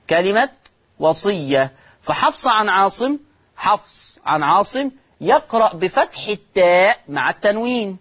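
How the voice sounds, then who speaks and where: Egyptian sheikh teaching Quran reading. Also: male voice, high voice, fairly bright tone. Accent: Egyptian Arabic. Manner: stretches out words slowly to show how they are pronounced. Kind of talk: televised religious lesson.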